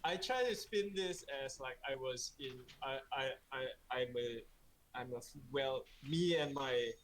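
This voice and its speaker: A man's voice: medium pitch, unhurried, slight background noise, rough recording. A man playing a tabletop game, hesitant and restarting often as he plans his moves. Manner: hesitant, full of restarts while planning moves. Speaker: player. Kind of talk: tabletop role-play chat.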